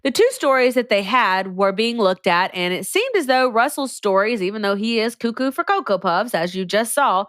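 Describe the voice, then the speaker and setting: A woman's voice: fairly high pitch, lively intonation, moderate pace, few pauses, fairly bright tone, dry recording, clean studio sound. A woman co-hosting a podcast, chatting casually and sarcastically through a true-crime case. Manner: chatty, slangy, sarcastic asides. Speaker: podcast co-host.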